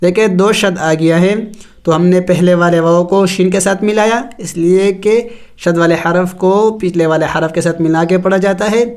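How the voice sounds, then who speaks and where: A man teaching tajweed, spelling out Arabic letters slowly and reciting, then explaining the rules. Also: sits high, steady tone, darkish tone, smooth. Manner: slow drawn-out recitation between plain explanations.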